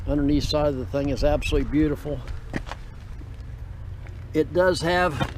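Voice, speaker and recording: A man's voice: on the high side, moderate pace. A man presenting a car in a casual, rambling walk-around, raising his voice over the wind outdoors. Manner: rambling, jumps between points. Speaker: car dealer presenting vehicles. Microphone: camera's built-in microphone. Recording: loud wind noise on camera microphone.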